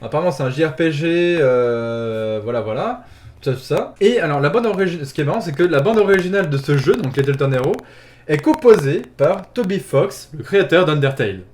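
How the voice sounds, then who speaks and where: Young male gaming YouTuber, slightly high voice, loose self-correcting chatter. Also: animated, brisk. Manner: rambling, self-correcting, laughs at himself. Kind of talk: casual video game news recap.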